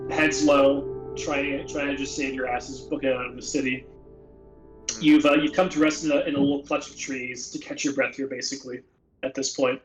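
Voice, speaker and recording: A man narrating a tabletop game as game master, relaxed, often laughing and repeating words as he sets the scene. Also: mid-range voice, normal speed, echoey room, music in the background, low-quality recording.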